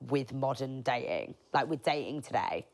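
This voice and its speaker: A woman, hosting a podcast and chatting in an expressive, jokey, dramatic way. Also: extremely low pitch, moderate pace. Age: 20s. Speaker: podcast host. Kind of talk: casual chat.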